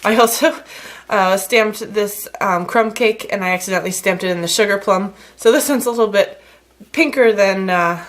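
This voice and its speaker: A woman's voice: medium pitch, normal speed, few pauses. Chatty woman demonstrating card stamping. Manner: chatty, relaxed, many fillers. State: slight frog in throat. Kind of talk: casual craft tutorial.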